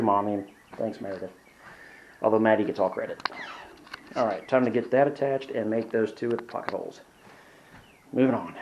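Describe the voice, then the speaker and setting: A young woodworking vlogger with a medium-pitched, slightly mellow voice chats casually while building in a hot workshop, captured with dull audio on a handheld camera. Out of breath, he rambles, pokes fun at himself, and swears when frustrated.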